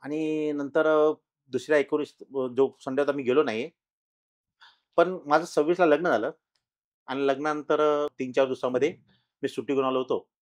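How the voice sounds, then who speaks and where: A middle-aged man tells his own ghost experience as a podcast guest, talking casually with many pauses and restarts and growing louder at the tense moments. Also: on the high side, fairly even intonation. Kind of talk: casual storytelling in an interview.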